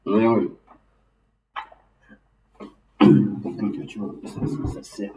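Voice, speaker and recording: A man talking casually and loosely about his memories, halting and restarting often with lots of fillers. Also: on the low side, dark tone, soft background music. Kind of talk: casual rambling monologue. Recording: roomy echo, mic at a distance.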